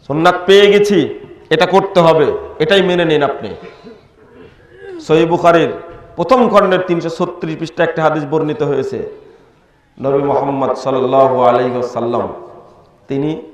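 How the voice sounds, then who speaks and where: A man preaching an impassioned sermon, firing rhetorical questions at his listeners. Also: on the high side. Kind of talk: Islamic sermon. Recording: echoey hall, speaker far from mic.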